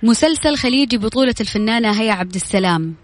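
A woman's voice: a little high, animated, fast talker, a little hiss or hum. A woman with a Saudi Hejazi accent hosting a live radio quiz, chatty and congratulatory as she announces questions, winners and prizes. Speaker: radio quiz show host. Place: radio studio with music behind.

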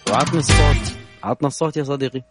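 A man's voice: mid-range voice, rapid-fire, over loud music. A man with a Saudi Gulf accent hosting a call-in radio show, chatting and joking with callers. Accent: Saudi Gulf Arabic. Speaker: radio host.

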